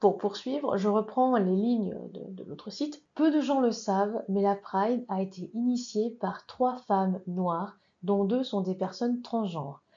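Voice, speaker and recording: A woman's voice: medium pitch, unhurried, few pauses, mellow, muffled recording. A woman hosting a casual explainer vlog, chatting with asides and hesitant fillers as she reads from her sources. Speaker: channel host.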